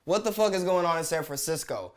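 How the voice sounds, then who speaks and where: A young man hosting his own commentary vlog, talking in casual slang and swearing often, sometimes breaking into loud angry rants. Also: a little high, fast talker. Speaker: vlog host.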